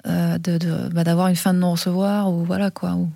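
Brief: French woman filmmaker, interview guest, gravelly texture, hesitant and searching for words, dry close sound. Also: lowish voice, level tone, a little fast, mellow, dry recording. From France. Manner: hesitant, many fillers and restarts. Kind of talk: interview conversation.

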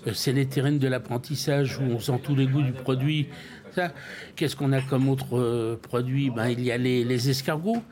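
A man's voice: mid-range voice, steady tone, normal speed, darkish tone. An older man from France, a restaurant owner, telling stories in an interview with many restarts and repeated words. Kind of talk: interview, casual storytelling.

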